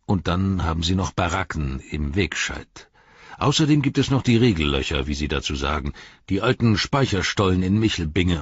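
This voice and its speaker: A sturdy hobbit farmer, as a male reader plays him, deep and husky, laying out matters plainly. His tone stays steady and practical. The sound is dry and a touch muffled. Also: no room sound. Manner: matter-of-fact, explaining. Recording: dry, slightly dull studio sound.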